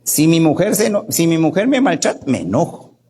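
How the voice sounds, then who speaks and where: A man, a doctor, giving an animated workshop talk in Guatemalan Spanish, often asking "¿verdad?" and acting out the people he quotes. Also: on the high side, fairly quick, slight background noise.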